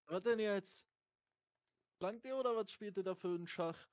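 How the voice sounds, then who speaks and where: A man chatting casually with teammates during an online football game, laughing often, swearing and shouting at teammates over a headset. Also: high-pitched, normal speed, no room sound, lo-fi sound. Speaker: gamer playing online football. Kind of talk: casual gaming chat.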